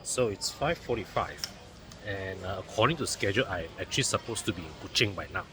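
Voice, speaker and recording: A man's voice: low voice, lively intonation, brisk. A man with a Malaysian accent chats casually and colloquially as a travel vlogger, using local slang particles like lah. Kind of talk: casual chat to camera. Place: airport departure lounge. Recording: busy airport crowd noise behind. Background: loud crowd chatter.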